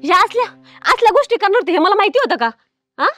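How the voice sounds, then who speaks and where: Actress as a fast-talking, high-voiced village wife, nagging and accusing, dry close sound. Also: female voice, lively intonation, a bit bright, no room sound. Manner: reproachful, nagging questions. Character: hurt, accusing village wife in her prime. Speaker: suspicious wife. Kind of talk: comedy film acting.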